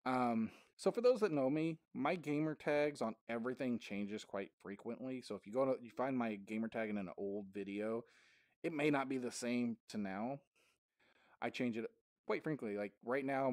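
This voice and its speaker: A man's voice: mid-range voice, darkish tone, dry recording, clean studio sound. A man casually rambling through gaming stories, often laughing mid-sentence. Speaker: gaming vlogger.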